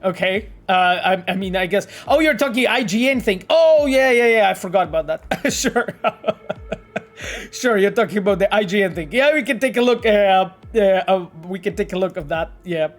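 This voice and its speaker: Reading out viewer messages during a live stream, a game developer from Poland speaks with a high-pitched, Polish-accented voice at a moderate pace. He chats in an animated, rambling way, with lots of fillers, repeated words and laughs, and faint music can be heard behind him.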